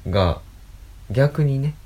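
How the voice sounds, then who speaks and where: A man's voice: medium pitch, expressive, takes it slowly, warm tone. A man with an Osaka accent chatting casually as a co-host, wry and joking, often chuckling as he talks. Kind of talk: casual chat.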